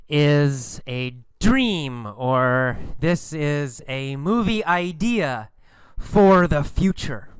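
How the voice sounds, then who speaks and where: Slow, clear-spoken male English teacher. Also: medium pitch, no echo. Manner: slow, careful, explanatory delivery. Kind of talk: scripted English lesson narration.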